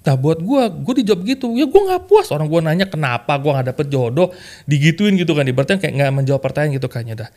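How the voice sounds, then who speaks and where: A man, a podcast guest telling a personal story in casual, slangy chat full of fillers. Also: quick pace. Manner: animated, slangy, full of fillers like "kayak" and "gitu kan"; acts out remembered quotes with lively jumps in pitch. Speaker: podcast guest sharing a testimony.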